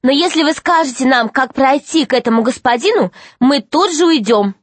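Polite curious little girl in a storybook, asks things earnestly, bit higher pitched, woman reading her. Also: lively intonation, normal speed, dry recording.

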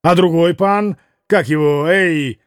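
A man's voice: on the high side, slow pace, clean tone, no echo, clean studio sound. A man reading aloud as an impulsive young man, exclaiming eagerly. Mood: excited. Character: impulsive excitable young man toasting loudly.

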